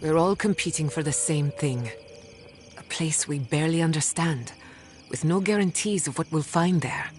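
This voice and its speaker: An actress playing a determined adventurer companion in a fantasy video game, speaking in a measured, resolute way. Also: female voice, low-pitched, a little mellow, slight background noise, natural voice.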